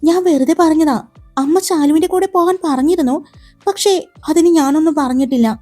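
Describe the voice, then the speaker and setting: A shy, affectionate college girl from a spoken romance story, as the narrator voices her. Her voice sits high and mellow, soft and easily flustered. Faint music plays behind. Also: brisk, breathy edge. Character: shy affectionate young woman, college student.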